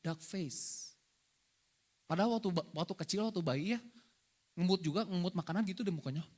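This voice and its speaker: A man preaching a lively, joking sermon as pastor, often asking the congregation questions. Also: high-pitched, rapid-fire.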